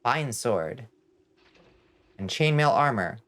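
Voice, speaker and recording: A man's voice: mid-range voice, lively intonation, slow, a bit bright. Man putting on a folksy fantasy blacksmith shopkeeper. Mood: matter-of-fact selling. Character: hearty blacksmith shopkeeper pitching blades and old armor. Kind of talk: fantasy video game character read aloud.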